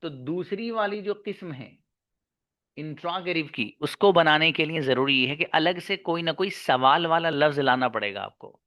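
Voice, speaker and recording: A man teaching an online English grammar lesson. He asks his students questions and answers them himself, repeats key words, and draws out English example sentences slowly. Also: a little high, lively intonation, bright, forceful tone, no room sound, studio quality.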